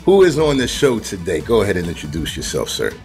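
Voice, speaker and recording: A low-voiced middle-aged man hosting a casual gaming interview from a room at home through a headset. He talks in a loose, upbeat way, with faint music underneath. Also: huge pitch swings, quick pace, a little mellow. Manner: upbeat, loose, affirming with 'right, right'. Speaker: host. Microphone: headset on a video call.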